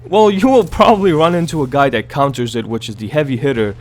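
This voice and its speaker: A man's voice: medium pitch, fast talker. A man giving casual, rambling gameplay commentary in a groggy morning voice, repeating words and swearing now and then. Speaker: gaming YouTuber.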